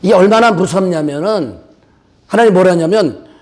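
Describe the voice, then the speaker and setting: A man's voice: sits high, normal speed, a little mellow. A man preaching a fervent, folksy sermon as pastor of a church, with playful asides to his congregation. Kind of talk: Pentecostal-style sermon. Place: church sanctuary.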